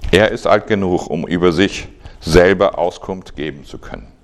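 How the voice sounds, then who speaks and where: A man's voice: sits low, normal speed. A man reading as nervous, evasive parents. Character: anxious parents of the healed man.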